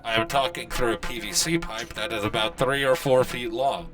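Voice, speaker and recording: A man's voice: mid-range voice, fairly even intonation, moderate pace, music in the background. Man talking through a hollow pipe. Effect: voice talking through a long plastic pipe, hollow tube sound. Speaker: tabletop game player. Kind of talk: casual game-table chat.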